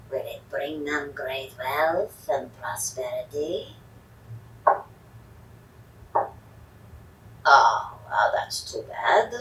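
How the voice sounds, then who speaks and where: A woman playing a grandiose fortune-teller medium in a Halloween audio drama, switching between hushed whispers and commanding cries. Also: sits low. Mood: pleading. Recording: echoey room, distant mic, faint noise.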